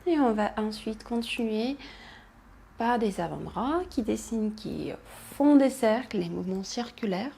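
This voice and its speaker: A woman instructor calmly guiding a pilates class, cueing movements and counting, with soft whispered asides. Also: a little high, measured pace, gravelly, a little hiss or hum. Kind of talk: guided exercise class instruction.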